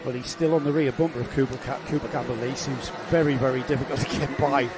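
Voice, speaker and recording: A man's voice: mid-range voice, steady tone, fast talker. Man commentating kart racing, outdoor noise. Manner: explains the racing, teasing his co-host. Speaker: race commentator. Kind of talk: live motorsport commentary.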